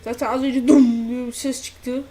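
A woman's voice: high-pitched, little pitch movement, moderate pace, warm tone. A woman giving horror game commentary, jumpy and swearing, talking to herself as she plays. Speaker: gameplay commentator. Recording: noisy home recording.

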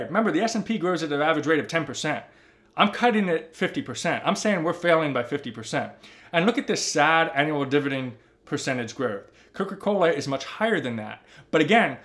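A man in his thirties, a personal finance YouTuber, explaining over a spreadsheet in an animated, emphatic way, talking straight to the viewer from a home office. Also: on the high side. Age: 30s.

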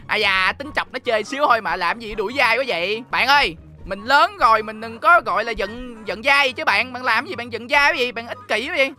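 Young Southern Vietnamese male gamer, rapid, bright and punchy, chatty and teasing with viewers. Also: very high-pitched. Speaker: gaming YouTuber. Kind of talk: let's-play commentary.

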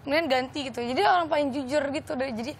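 High, rapid young woman guest. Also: a little hiss or hum. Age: young adult. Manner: quick, stumbling restarts while telling stories. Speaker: talk show guest, daughter. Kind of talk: casual talk-show chat. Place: TV studio.

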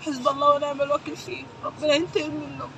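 A woman's voice: sits high, little pitch movement, racing, a bit bright, a little hiss or hum, rough recording. A grieving woman with an Egyptian Arabic accent, the victim's sister, speaking emotionally with repeated invocations against the accused in a street interview.

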